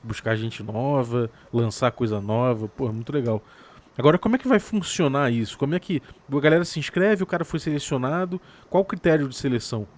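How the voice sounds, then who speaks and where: A man's voice: mid-range voice, fairly quick. A man with a Brazilian Portuguese accent hosts a podcast in a casual, chatty, slangy way. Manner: informal, slangy. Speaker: podcast host.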